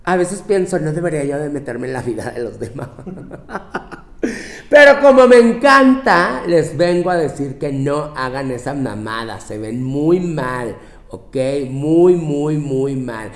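A man with a fairly high pitch and a measured pace voices a bossy young Mexican woman, complete with a Mexican accent, who rants sassily at her girlfriends. The comic monologue is brash, profane and scolding, peppered with mocking imitations of others. Echo from a roomy space colors the recording.

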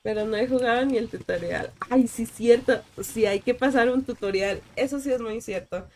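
A young woman from Guatemala chats with her viewers during a game stream, in a friendly, easygoing Guatemalan Spanish. Her voice sits a little high and carries a gravelly fry. She greets people by name as she plays. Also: moderate pace, a little mellow. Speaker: gaming streamer. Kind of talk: casual live-stream chat while playing.

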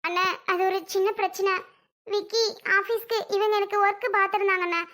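A very high, bright voice carries this anxious young wife as a woman acts her out. She speaks in a pleading, tearful way, caught up in a domestic family drama. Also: steady tone, brisk. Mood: distressed. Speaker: actor in a family drama skit.

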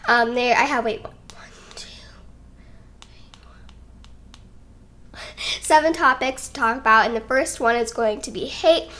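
A high, bright young woman talks casually to her channel from home, rambling and giggly between points. She sounds a little out of breath, recorded close on a desk mic. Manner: chatty and rambling, giggly, self-conscious. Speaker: YouTuber. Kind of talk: casual sit-down vlog talk. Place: home, indoors. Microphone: desk microphone.

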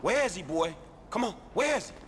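A man's voice: high voice, very animated, fairly quick, heavily acted. An actor playing a streetwise young man in a video game, drawling and swearing as he bosses his dog around and scolds his partner. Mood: coaxing. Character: streetwise young male getaway driver, level-headed. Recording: video game dialogue with loud noise.

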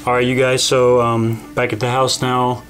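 A man's voice: mid-range voice, moderate pace. Laid-back young man over music. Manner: relaxed, rambling with many fillers. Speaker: fitness vlogger. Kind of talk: casual vlog voiceover. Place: bedroom at home, voiceover. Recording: background music under the voice.

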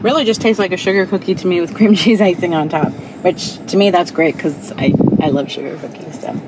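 A woman's voice: on the low side, steady tone, a little fast. Chatty woman tasting sweets in a car. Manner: chatty, explains as she eats. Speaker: vlog host. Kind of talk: casual taste-test vlog. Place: parked car, indoors. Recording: noisy car interior.

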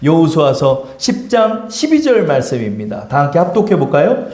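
A male pastor preaches in a high, lively voice that swings up and down. He talks to his congregation in a chatty way and keeps asking them questions. The sound echoes around a church sanctuary. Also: moderate pace. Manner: animated, conversational preaching with rhetorical questions. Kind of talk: sermon.

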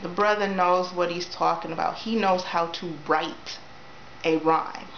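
A chatty young woman with a fairly low voice gives an enthusiastic, filler-heavy book review straight into her camera. The sound is roomy and dull, like cheap built-in camera audio, with a faint hiss under it. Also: steady tone, unhurried, fairly bright tone. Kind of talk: casual book review vlog. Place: small room indoors.

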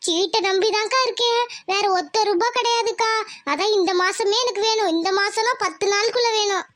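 Someone voicing a pleading mother, very high. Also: fairly quick, fairly bright tone. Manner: anxious, pleading. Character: middle-aged village mother, pleading. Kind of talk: cartoon voice acting.

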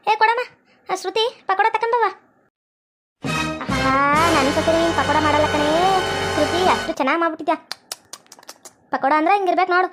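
A woman playing a meddling, deaf old village woman in a comic family skit, with a North Karnataka Kannada accent and a shrill, nagging, melodramatic way of talking. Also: brisk, pauses often, loud music behind the voice. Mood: pleased.

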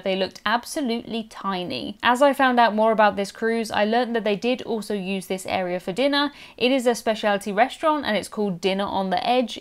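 A British woman in her thirties narrating a cruise travel vlog in a chatty, enthusiastic, matter-of-fact voice-over. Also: mid-range voice. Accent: British English. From Britain. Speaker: cruise vlogger.

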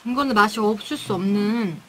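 A woman's voice: medium pitch, brisk. A young woman co-hosting a casual eating broadcast, chatting with her mouth full of noodles. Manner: chatty, reads out viewer chat, talks while eating. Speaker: radio co-host.

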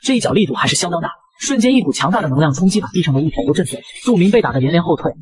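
Guy racing through a comic recap, kinda high voice, crowd noise behind. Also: expressive. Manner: brisk, breathless storytelling. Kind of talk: fast scripted manga recap narration.

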